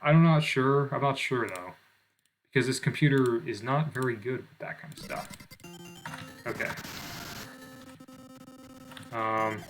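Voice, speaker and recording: A man's voice: mid-range voice, unhurried, long pauses, music in the background. A young man giving casual gameplay commentary, rambling with lots of fillers, swearing and making fun of himself. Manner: rambling, self-deprecating, swears often, many fillers. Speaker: gaming channel host.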